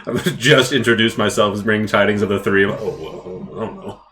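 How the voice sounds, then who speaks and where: A man's voice: on the low side, a little fast, a crowd in the background. A man playing a tabletop game, dry and theatrical, slipping in and out of character with wordy phrasing. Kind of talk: casual in-character game talk.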